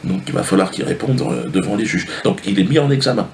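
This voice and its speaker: A man's voice: deep voice, sing-song, fast talker, gravelly. A male comedian telling a long comic story to camera in a casual, slangy, rambling way. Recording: roomy echo, faint noise.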